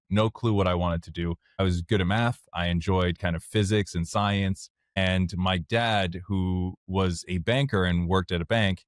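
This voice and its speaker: A deep-voiced software founder from Montreal, Canada, whose first language is French, is the guest in a casual interview and talks openly about his past. His low voice sounds close and dry, with no room sound at all. He's candid and plainspoken, thinking aloud as he works through his thoughts.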